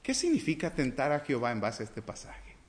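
A male preacher delivering a sermon with a lively, swooping pitch. He asks his listeners questions, then drops to quiet asides before rising to loud emphasis. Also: brisk, slight background noise. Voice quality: rhetorical questions to the congregation. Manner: reads scripture aloud, acting out the dialogue. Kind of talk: sermon with Bible reading.

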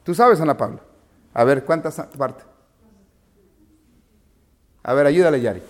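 A man with a slightly high voice leads an interactive Bible lesson for children at a measured pace, asking patient questions and calling on pupils by name.

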